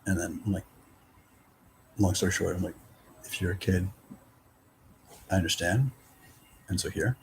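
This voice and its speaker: A man's voice: sits low, unhurried, pauses often, a little hiss or hum, rough recording. A man talking in a loose, meandering casual monologue, full of fillers and little quoted exchanges.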